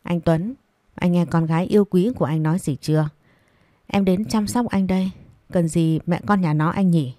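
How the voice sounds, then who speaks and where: A woman's voice: lowish voice, moderate pace, mellow, no room sound, clean studio sound, close to an everyday voice. A woman voicing a sneering scheming mistress. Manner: sneering, taunting. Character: spiteful scheming mistress, middle-aged woman.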